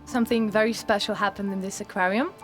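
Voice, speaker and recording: A woman's voice: mid-range voice, fairly even intonation, fast. A woman speaking as an expert in a documentary interview. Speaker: cave salamander expert. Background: prominent background music.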